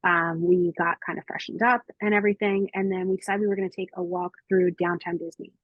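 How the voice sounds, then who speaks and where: Travel podcast co-host: American woman, lower register, slightly husky, informal and chatty, close dry sound. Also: little pitch movement, a little fast, no room sound, muffled recording. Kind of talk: casual podcast chat.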